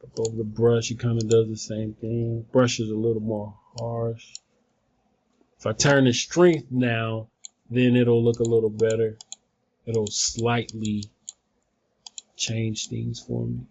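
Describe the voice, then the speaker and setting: A man giving a casual, rambling software tutorial, thinking aloud, recorded on a phone some distance away. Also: mid-range voice, little pitch movement, slow, muffled recording. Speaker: video tutorial presenter.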